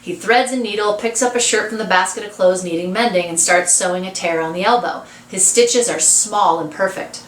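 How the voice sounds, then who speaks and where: Woman read-aloud voice, casual asides, middle pitch, echoing room. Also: fairly quick, few pauses, a little hiss or hum. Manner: chatty asides to listeners. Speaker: reader. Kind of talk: reading a children's novel aloud. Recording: roomy echo.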